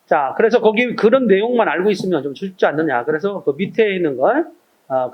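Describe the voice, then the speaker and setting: High-voiced man lecturing a class. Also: a little mellow. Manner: banmal, quizzing students with short questions. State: throat irritated, clearing it often. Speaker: exam prep teacher. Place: classroom with students.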